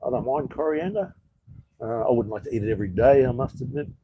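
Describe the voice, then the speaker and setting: A man's voice: medium pitch, animated, fast, dark tone, a little hiss or hum, poor audio. An Australian man hosting a casual live chat, reading viewer comments and answering bluntly, swearing often and calling people "mate".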